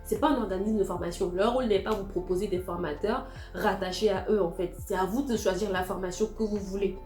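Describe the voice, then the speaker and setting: A woman vlogger telling a story in an animated, slangy, indignant way. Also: mid-range voice, fairly quick, soft background music. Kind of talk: storytime vlog. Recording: roomy echo.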